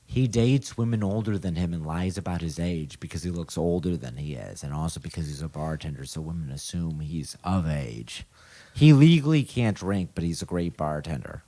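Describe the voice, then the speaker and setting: A man's voice: deep voice, lively intonation, normal speed, mellow. A man in his thirties co-hosting a podcast, telling stories in a laid-back, agreeable way. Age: 30s. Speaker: podcast co-host. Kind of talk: casual chat.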